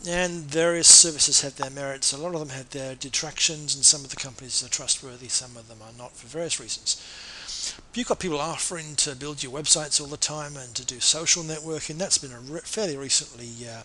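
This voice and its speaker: A man, a marketing consultant, giving an earnest, persuasive sales pitch and now and then correcting himself mid-sentence. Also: fairly quick, pushed and bright, slight background noise, rough recording.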